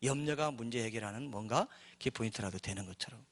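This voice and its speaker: A male pastor preaching a sermon in an animated, joking way, acting out voices as he goes. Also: mid-range voice, fast talker.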